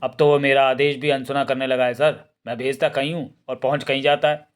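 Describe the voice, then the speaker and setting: A man's voice: mid-range voice, level tone, brisk, clean tone, natural voice. A man doing an irritable police inspector. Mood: exasperated. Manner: curt, exasperated.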